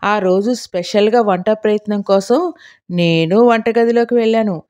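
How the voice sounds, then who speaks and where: A woman reads a comic novel aloud in an expressive, storytelling manner. Her voice is mellow and rounded. She holds an even middle pitch. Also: measured pace. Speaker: audiobook narrator. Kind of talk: scripted storybook narration.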